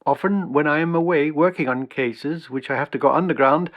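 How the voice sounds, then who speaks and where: A man's voice: a little high, brisk, muffled recording, pitched above the performer's own voice, lightly acted. A man putting on a weary older Dutch psychic. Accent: Dutch, put on. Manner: heavy imitated accent, tired.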